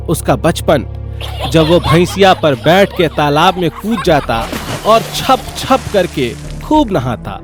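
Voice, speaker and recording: Lively male storyteller over music. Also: high-pitched. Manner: lively, wry comic narration. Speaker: narrator. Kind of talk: scripted storytelling narration.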